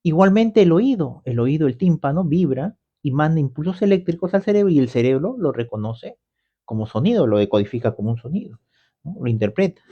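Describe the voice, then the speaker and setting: A man's voice: a little high, expressive, a little fast, muffled recording. A man teaching scripture on a radio program in a conversational way, explaining step by step and often checking in with his listeners. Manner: explanatory, often adds the tag question "¿no?". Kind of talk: conversational Bible commentary.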